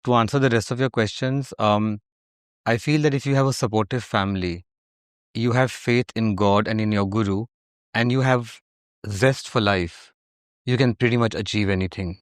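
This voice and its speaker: A man speaks as an interview guest in a polished, upper-class Indian accent. His voice sits low and is clean and resonant. He answers conversationally and reflectively, with very little room around the sound. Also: fairly even intonation, normal speed, clear, resonant tone, no echo, clean studio sound. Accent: educated upper-class Indian.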